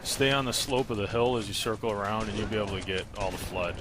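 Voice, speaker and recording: Over a video game walkthrough filled with gunfire and music, a man explains things step by step in a casual way. He talks fast, with a fairly low voice.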